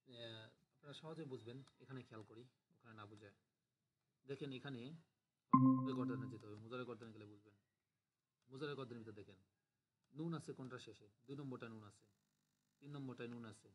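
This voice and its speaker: Guy teaching an online class, patient, says each form over and over, faint noise behind. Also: medium pitch. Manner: patient, repeats forms aloud for drilling. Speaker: Arabic grammar teacher.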